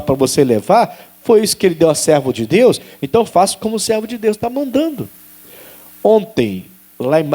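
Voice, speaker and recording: A male pastor preaching a sermon, animated, rising to sharp high exclaims and acting out dialogue. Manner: acts out quoted dialogue.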